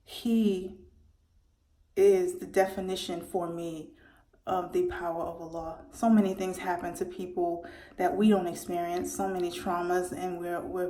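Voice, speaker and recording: A woman in her forties earnestly recounting a personal story, often halting and restarting her words. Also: fairly low pitch, warm tone. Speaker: mother telling her birth story. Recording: roomy echo.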